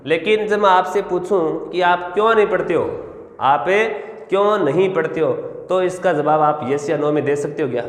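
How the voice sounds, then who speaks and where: A man's voice: on the high side, normal speed, roomy sound, long reverb tail. A man teaching English grammar in Hindi, explaining step by step and answering his own questions. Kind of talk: classroom lesson.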